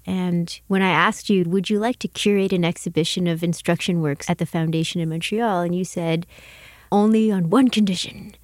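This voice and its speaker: A woman curator acts as interviewer, moving from a scripted introduction into a conversational interview. Her lowish, slightly mellow voice keeps fairly even intonation at a normal speed, articulate and earnest, captured in a dry, clean studio recording.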